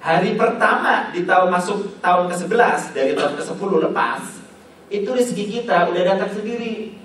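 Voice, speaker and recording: A male preacher delivers a lively sermon full of humorous stories and acted-out scenes. His voice sits a little high. The recording carries heavy hall echo from a distant mic, with faint ambience underneath. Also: a little fast, slight background noise. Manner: storytelling, joking, acts out quotes. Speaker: Islamic preacher. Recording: echoey hall, voice from far off.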